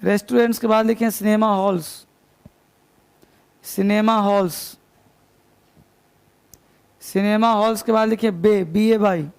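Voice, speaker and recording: Man, classroom dictation, spells words letter by letter, high gravelly voice. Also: fairly even intonation, measured pace, long pauses. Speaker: teacher.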